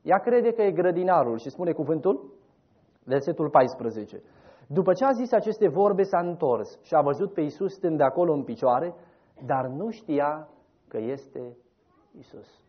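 A man preaching a sermon, telling the story dramatically, rising loud and then dropping soft. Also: fairly high pitch, expressive, breathy edge. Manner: dramatic storytelling, voices quoted figures, rises loud then drops soft. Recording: dull lo-fi recording.

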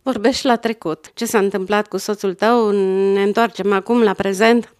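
A woman interviewer calmly guiding a conversation with reflective questions. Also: mid-range voice. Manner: calm and reflective, steering the conversation.

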